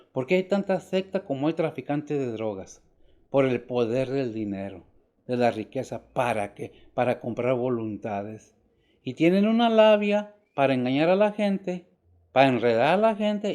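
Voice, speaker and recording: An older man preaching a sermon, asking rhetorical questions and swinging from emphatic rises to quiet drops. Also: mid-range voice. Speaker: pastor.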